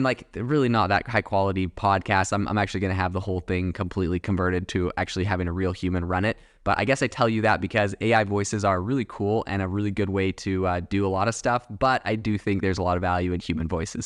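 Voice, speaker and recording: A young man hosts a solo podcast in a low voice, rambling casually with lots of fillers and asides. The sound is clean studio quality with no room sound.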